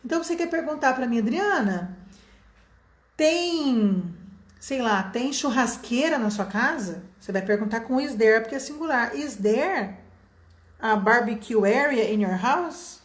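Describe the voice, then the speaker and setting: Middle-aged Brazilian woman, English teacher, patient and explanatory, slightly high voice, roomy echo. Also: expressive. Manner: explains patiently, stretching out example sentences slowly. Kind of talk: online English lesson.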